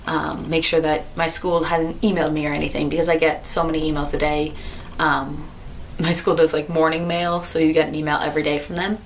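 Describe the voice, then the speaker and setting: A woman in her twenties chatting to camera as a vlogger, telling her story in a bubbly, animated way. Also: low voice, a little fast, a little hiss or hum. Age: 20s. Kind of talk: casual chat to camera.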